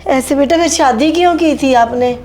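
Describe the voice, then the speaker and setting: An actress playing a gentle, hurt mother-in-law who pleads softly with her daughter-in-law. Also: high voice, moderate pace, lightly acted. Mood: hurt, pleading. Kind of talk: short film acting.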